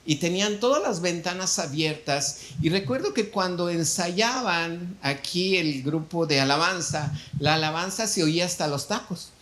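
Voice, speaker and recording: A man with a Mexican Spanish accent, a pastor telling an animated story in a sermon and acting out the dialogue. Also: high-pitched, normal speed, hardly any pauses. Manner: storytelling, animated, acts out dialogue with shifting volume.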